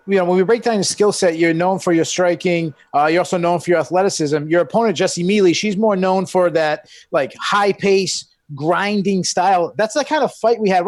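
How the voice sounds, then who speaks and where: Male sports reporter, press questions; notably high voice, very dry sound. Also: no echo. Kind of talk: asking questions at a press conference.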